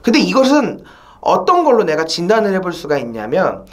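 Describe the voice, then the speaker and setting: A woman teaching a saxophone video lesson, asking rhetorical questions and filling pauses with short "uh" sounds. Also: fairly low pitch, wildly swooping pitch. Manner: asks rhetorical questions, many "eo" and "mwo" fillers.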